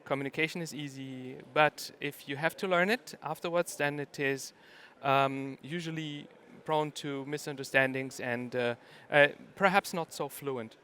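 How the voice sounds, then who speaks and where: Man giving a halting talk. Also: on the high side, pushed and bright. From Germany. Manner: hesitant, many ums and uhs. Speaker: conference speaker. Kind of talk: conference talk.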